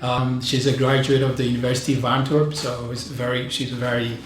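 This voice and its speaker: A man's voice: medium pitch, little pitch movement, brisk. A man hosting a podcast interview in a studio, rambling through his questions with many restarts and repeats. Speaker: podcast host. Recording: very echoey studio with faint music.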